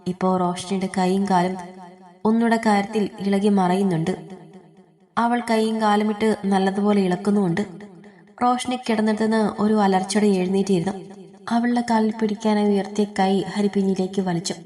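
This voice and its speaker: A woman reading a romance novel aloud as a storyteller, in steady, even scripted narration. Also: medium pitch, normal speed.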